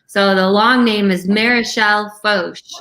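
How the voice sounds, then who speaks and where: A woman's voice: medium pitch, steady tone, slow pace, a bit bright. A woman chatting casually as co-host of an online bingo game. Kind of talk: casual chat.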